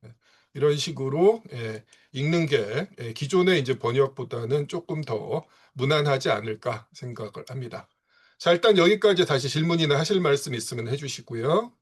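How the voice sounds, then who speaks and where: A man's voice: medium pitch, expressive, moderate pace, husky. A man giving an online seminar lecture, dropping frequent fillers and asking rhetorical questions as he explains. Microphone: video call.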